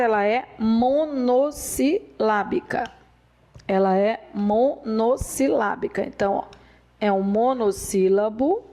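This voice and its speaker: Slow, high-voiced teacher woman. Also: a little mellow. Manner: slow, repetitive, drills rules aloud. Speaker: Portuguese teacher. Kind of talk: classroom grammar lesson.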